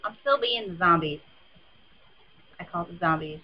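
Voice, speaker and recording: A woman co-hosting a casual chat, chatty and quick to laugh. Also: on the low side, lo-fi sound. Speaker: podcast co-host.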